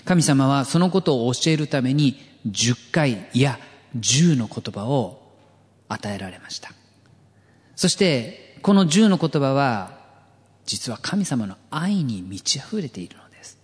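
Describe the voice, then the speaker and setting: A man preaching a sermon as pastor, earnest and gently humorous, often letting phrase ends drop to a whisper. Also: mid-range voice, big pitch swings, slow pace, in a large hall. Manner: light jokes for the congregation.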